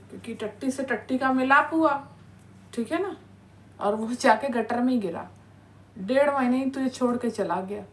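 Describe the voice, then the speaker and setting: A woman with a higher, somewhat bright voice hosts a reaction video, angrily ranting at and scolding her target. She throws insults and keeps tagging her sentences with "है ना."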